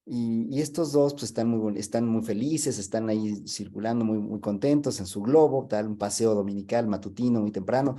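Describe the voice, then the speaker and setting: A man, a guest speaker who explains leadership in a webinar, tells a joke as a story and often fills pauses with "este". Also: fairly low pitch, mellow. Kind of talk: webinar talk.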